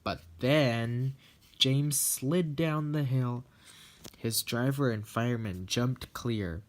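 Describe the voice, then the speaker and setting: A man narrating a homemade fan story aloud in a plain, unhurried way. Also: mid-range voice.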